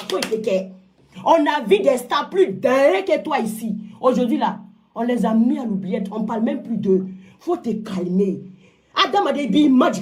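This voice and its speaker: A woman rants live into her phone at home, her voice sitting on the higher side. She scolds with emphasis and repeats words over and over to drive them home. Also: darkish tone. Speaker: TikTok live streamer. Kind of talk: live-stream rant. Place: home, indoors.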